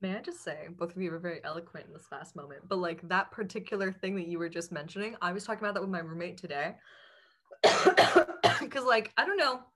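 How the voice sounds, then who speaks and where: Animated twenty-five-year-old woman. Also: fairly low pitch. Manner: animated and self-mocking, quick asides. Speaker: podcast guest. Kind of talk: casual chat.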